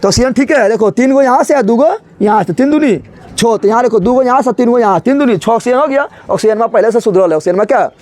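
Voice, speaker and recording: A man's voice: extremely high pitch, fast, darkish tone. A male teacher teaching a chemistry lesson playfully, often asking a question and answering it himself.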